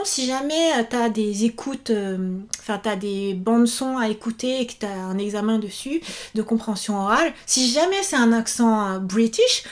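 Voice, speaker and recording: A woman in her thirties with a high-pitched voice, talking casually to her viewers. She chats in an animated way and often pauses on fillers as she rambles through her week. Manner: chatty, animated, many fillers. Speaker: YouTuber and author. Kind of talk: casual chat vlog.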